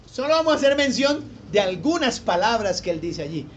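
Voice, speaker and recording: High-voiced preaching pastor. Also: male voice, very animated, brisk, dull audio, a little hiss or hum. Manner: preaching, asks the congregation rhetorical questions. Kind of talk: sermon. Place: church hall with congregation.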